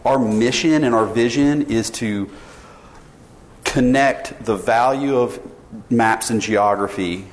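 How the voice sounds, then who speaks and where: Taking it slowly in a medium-pitched voice, a sales director in his forties gives a casual conference presentation. He often puts questions to the audience and restarts his sentences. A tethered mic records him in a reverberant session room with faint ambience.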